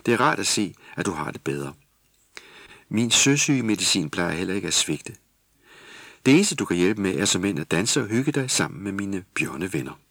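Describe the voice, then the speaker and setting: A man's voice: deep voice, sing-song, fairly bright tone, no room sound, studio quality, full character voice. A man as a jolly old elf skipper. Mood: jovial. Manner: hearty, jovial. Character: jolly old male elf ship captain.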